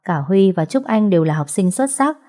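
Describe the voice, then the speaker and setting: A woman storyteller reading a story aloud in a calm, even, scripted way. Her voice is mellow and darkly warm, with a middle pitch. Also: a little fast.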